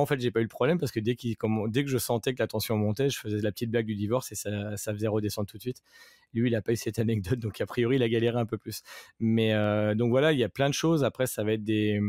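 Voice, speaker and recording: A man's voice: medium pitch, darkish tone, dry recording, clean studio sound. A man who works as a private tour guide, telling anecdotes in a casual interview, with lots of fillers and restarts. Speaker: private tour guide and travel agency manager.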